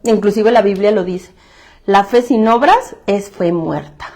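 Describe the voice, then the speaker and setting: A woman's voice: medium pitch, measured pace, darkish tone. A woman with a Mexican Spanish accent giving a candid testimony talk to a self-help group, blunt and emphatic, swearing freely and repeating phrases for emphasis.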